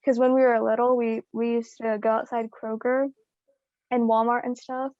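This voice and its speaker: A woman's voice: fairly high pitch, little pitch movement, moderate pace, no room sound, highs cut off. A young woman conducting an informal interview in a hesitant, casual way, with many filler "likes".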